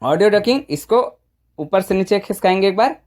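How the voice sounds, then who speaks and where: A woman's voice: medium pitch, lively intonation, brisk, darkish tone. A woman presenting an informal step-by-step phone tutorial, conversational and often checking in with short tag questions.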